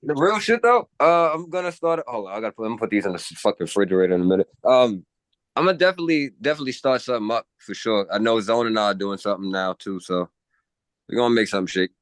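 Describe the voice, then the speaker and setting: A man speaking quickly in a casual podcast chat. He talks in a brash, slangy way and swears freely. The sound is dry and close. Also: lowish voice, expressive, clear, resonant tone, no echo.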